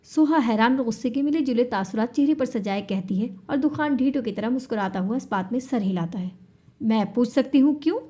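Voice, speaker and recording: A woman narrating a romance novel in a steady storytelling manner. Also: fairly high pitch, hardly any pauses, breathy edge. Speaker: audiobook narrator.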